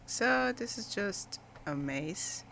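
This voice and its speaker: A woman hosting a let's play, giving low-key, understated gaming commentary. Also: lively intonation, slow pace, creaky, fairly bright tone, a little hiss or hum.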